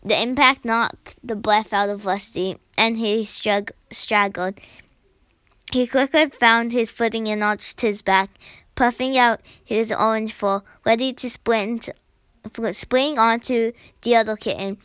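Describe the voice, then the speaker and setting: A woman's voice: on the high side, steady tone, measured pace, a bit bright, clean tone, no echo. A woman reading a novel aloud, often stumbling and restarting words, adding jokey side comments. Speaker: reader.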